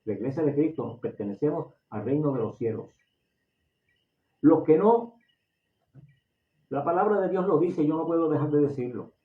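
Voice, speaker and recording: Male preacher, Puerto Rican accent, slightly high voice, passionate sermon delivery, echoey room. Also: lively intonation, moderate pace, pauses often. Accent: Puerto Rican Spanish. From Puerto Rico. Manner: impassioned, repeats and restarts phrases. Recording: echoey, distant, phone-like audio.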